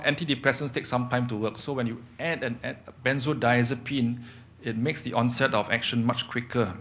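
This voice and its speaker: A man's voice: medium pitch, fairly bright tone. A middle-aged man, a psychiatrist giving a lecture to doctors, explaining as he goes, asking and answering his own questions and checking in with "okay?". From Singapore. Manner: explanatory, repeats key points with rhetorical questions and "okay?". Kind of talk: clinical lecture.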